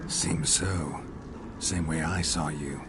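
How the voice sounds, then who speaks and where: Geralt, extremely deep stoic monster hunter. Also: male voice, slow pace. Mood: deadpan. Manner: deadpan, clipped sentences. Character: stoic, terse, world-weary male monster hunter. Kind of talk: low-key video game voice acting. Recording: noisy ambience behind the voice.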